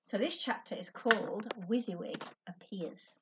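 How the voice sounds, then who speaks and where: A woman teacher reading a children's book aloud to her class, with clear, expressive storytelling. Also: mid-range voice, normal speed, distant mic, highs cut off, very noisy.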